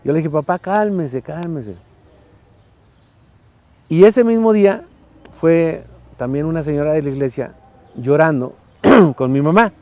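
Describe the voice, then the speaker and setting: A man's voice: fairly high pitch, expressive, normal speed, a little mellow, no echo. A Mexican man in his sixties with a Mexican accent, telling colloquial anecdotes in an interview with frequent tag questions. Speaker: interviewee, architect and former faculty director. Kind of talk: casual interview storytelling.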